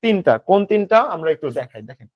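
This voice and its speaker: A male English tutor with a Bangladeshi accent teaches a grammar lesson, firing quick questions at students and answering them himself. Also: sits high, animated, dry recording. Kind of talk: online admission-prep grammar lesson. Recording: slightly dull lo-fi audio.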